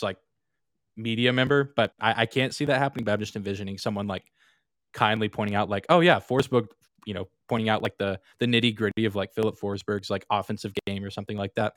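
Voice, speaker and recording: Low-voiced man chatting on a podcast. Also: fairly bright tone, no echo, clean studio sound. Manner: rambling, laughs often, many fillers. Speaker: podcast guest. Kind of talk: casual podcast chat.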